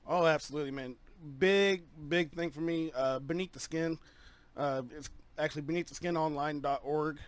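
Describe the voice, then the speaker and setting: A man giving a halting, earnest post-race victory interview as a sim racing driver, full of fillers, talking over a voice-chat headset. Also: a little high.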